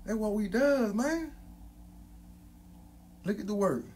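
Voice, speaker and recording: A man's voice: high-pitched, animated, takes it slowly, a little hiss or hum. Hype man talking through a gold grill. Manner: hype, repetitive catchphrases, loud ad-libs. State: speaking with grill on teeth. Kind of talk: casual hype promo vlog.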